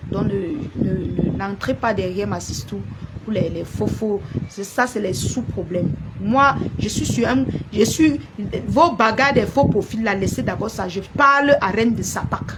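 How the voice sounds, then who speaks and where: A woman's voice: mid-range voice, moderate pace. A woman blogger ranting at her viewers on a live stream, confrontational and repetitive, scolding a rival. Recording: noisy background.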